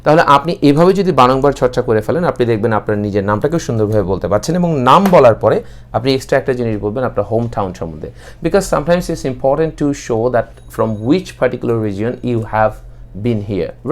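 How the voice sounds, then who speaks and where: A young man with a Bangladeshi accent teaching an English class, explaining steadily and slowing right down for model sentences. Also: mid-range voice. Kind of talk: online English class, mixing Bengali and English.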